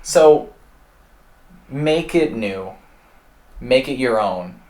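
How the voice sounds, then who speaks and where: A young man, a recent high school graduate, chatting as a podcast guest in a joking, sarcastic way. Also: expressive, extremely slow, darkish tone. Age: young adult. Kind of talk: casual chat. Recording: echoey room.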